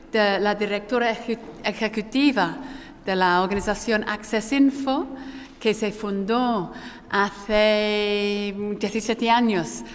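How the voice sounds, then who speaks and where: A woman with a non-native Spanish accent moderating a conference panel, hesitant and often correcting herself, her voice echoing through a hall like in a cathedral. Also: medium pitch. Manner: hesitant delivery with frequent self-corrections. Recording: echoey hall with long cathedral-like reverb.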